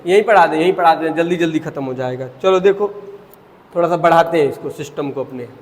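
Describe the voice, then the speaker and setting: A man's voice: fairly high pitch, fast talker. A young man teaching a biology lecture, chatty and joking, calling his students "beta". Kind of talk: classroom lecture. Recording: reverberant classroom.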